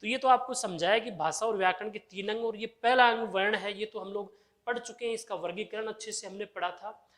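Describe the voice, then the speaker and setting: Brisk and fairly bright, with a voice that sits high, an Indian male teacher runs a grammar lesson for exam preparation. He keeps asking the class questions and supplying the answers, going over the key terms again and again.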